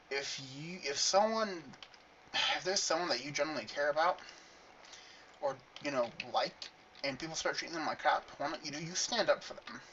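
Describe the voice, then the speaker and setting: A young man with a lisp and a fairly high, sharp-toned voice vlogs from his room at his gaming computer, rambling earnestly through a casual confessional monologue with self-mocking asides. The mic sounds dull and distant, with a faint hiss.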